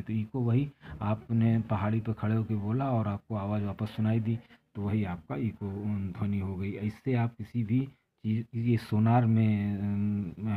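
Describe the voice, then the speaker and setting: Male teacher walking through a textbook chapter, somewhat low voice, rambling delivery, thin phone-quality sound with faint hiss. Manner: rambling with many pauses and restarts. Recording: tinny phone-like recording, faint noise.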